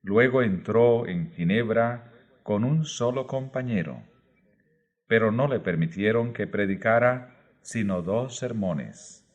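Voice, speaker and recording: Male audiobook reader, lowish voice, very unhurried, measured phrasing. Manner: slow, measured reading in short phrases. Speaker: audiobook narrator. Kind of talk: scripted narration of a religious book.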